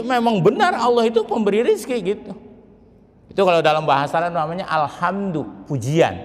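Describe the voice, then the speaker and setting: Middle-aged preacher, high voice, playful sermon delivery, long mosque reverb. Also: male voice. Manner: lively, joking asides to the congregation. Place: large mosque hall.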